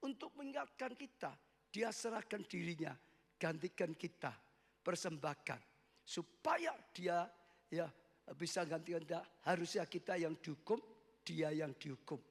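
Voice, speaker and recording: Gravelly high-pitched preaching man. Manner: impassioned, swells to loud high cries, keeps addressing the congregation. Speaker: pastor. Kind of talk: sermon. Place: church worship service. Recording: long reverb of a church hall.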